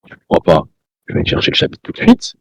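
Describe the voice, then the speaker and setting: In a heated live-stream argument, a man at home talks fast over a caller, repeats himself, and throws insults, captured in a dry recording.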